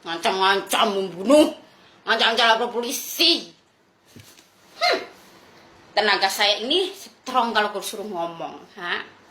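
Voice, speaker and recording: A woman's voice: medium pitch, animated, measured pace, pauses often, pushed and bright, reverberant. A woman from Indonesia in an angry livestream rant, brash and mocking, who swears freely and laughs scornfully.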